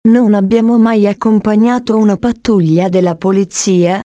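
A woman's voice: mid-range voice, steady tone, mellow, no room sound, highs cut off, lightly acted. A woman reading the lines of a curious, polite young man in a story for language learners. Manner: slow, careful reading.

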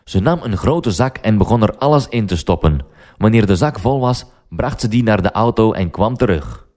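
A man narrating a story for language learners, slow and deliberate. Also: fairly low pitch, animated, darkish tone.

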